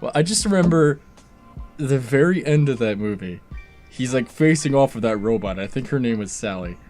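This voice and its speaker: A man's voice: medium pitch, animated, darkish tone, soft background music. A man co-hosting a casual film review chat, joking around and swearing freely. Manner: casual, swears freely, quick jokey asides.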